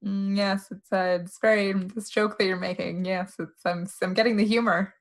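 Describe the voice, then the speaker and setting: A woman's voice: mid-range voice, steady tone, moderate pace. A young woman playing a tabletop game in character, dry and sarcastic. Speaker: player.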